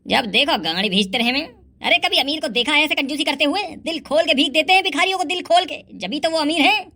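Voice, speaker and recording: A woman's voice: high voice, lively intonation, fast talker, bright, forceful tone, heavily acted. A woman voicing a pushy, wheedling male beggar in a cartoon, with a pleading, scolding manner. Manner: whining, pleading, then scolding.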